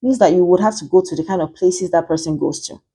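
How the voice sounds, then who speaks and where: A woman's voice: fairly low pitch, fast talker, dark tone, husky. A woman, a matchmaker ranting chattily and with exasperation in a vlog.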